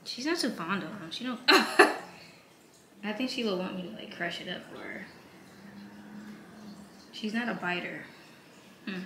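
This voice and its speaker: A woman in her twenties sitting on the floor at home, coaxing her cat in a high sing-song voice. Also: roomy sound, background noise. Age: 20s. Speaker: vlogger. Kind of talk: coaxing pet-talk.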